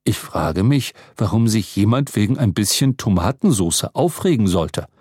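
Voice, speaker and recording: A man's voice: fairly low pitch, big pitch swings, moderate pace, a little mellow, husky, dry recording, studio quality. A man voicing a pompous, blustery old wizard dean in an audiobook. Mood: defensive. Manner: blustery, indignant.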